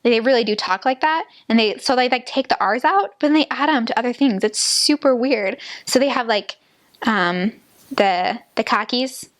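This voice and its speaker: A woman in her twenties chatting casually and telling humorous anecdotes in a giggly, animated way, with "like" sprinkled throughout. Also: fairly high pitch, normal speed. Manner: giggly, animated storytelling with frequent "like". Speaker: former missionary telling stories.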